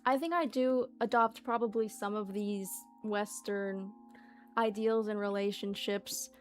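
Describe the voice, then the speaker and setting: A woman's voice: medium pitch, fairly even intonation, a little slow, soft background music. A young adult woman streaming casually, chatting playfully with lots of fillers and reading an article aloud to her viewers.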